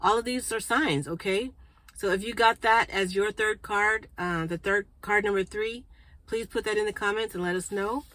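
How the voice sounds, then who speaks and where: A woman's voice: medium pitch, moderate pace, a bit bright, no room sound, rough recording. Congested woman doing a chatty card reading. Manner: chatty, checks in with viewers with frequent "okay?". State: congested, clearing throat and coughing. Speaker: spiritual card reader and channel host. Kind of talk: casual spiritual card reading to viewers.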